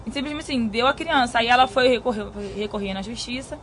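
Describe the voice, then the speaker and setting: A woman with a fairly high voice explains a neighbor's situation in a casual, plain way. She recounts events in simple sequence, adding small fillers as she goes. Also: fast, fairly bright tone, slight background noise. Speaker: caller or guest asking advice.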